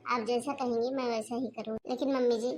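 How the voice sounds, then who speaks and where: A woman voicing a gentle young daughter-in-law who speaks politely to her mother-in-law in a cartoon. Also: a little high, steady tone, fairly quick, natural voice, poor audio. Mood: pleading. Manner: polite and pleading. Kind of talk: cartoon dubbing.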